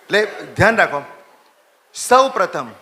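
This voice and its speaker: A priest gives a sermon. His voice is bright and sits a little high for a man. He repeats his lines for emphasis and questions his listeners directly. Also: measured pace. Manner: animated, repeats phrases for emphasis, questions the congregation.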